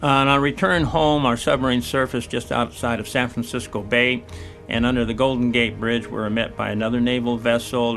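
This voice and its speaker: An older man, a former navy diver, telling a personal testimony in an earnest, halting way with frequent restarts. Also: medium pitch, a bit bright. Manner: earnest storytelling, frequent uh and repeated words. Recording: echoey hall, from a distance.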